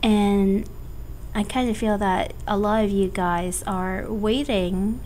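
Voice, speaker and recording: Slow-talking woman with a cracking voice. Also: mid-range voice, steady tone, a little mellow, slight background noise. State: has a cold. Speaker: tarot reader. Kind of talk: casual monthly tarot forecast.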